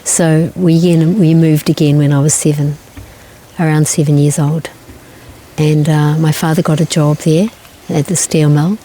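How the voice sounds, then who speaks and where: An older woman who grew up in New Zealand, answering interview questions in a gentle, thoughtful way with pauses and restarts. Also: low voice, little pitch movement, a little hiss or hum, poor audio. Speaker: guest, singer-songwriter.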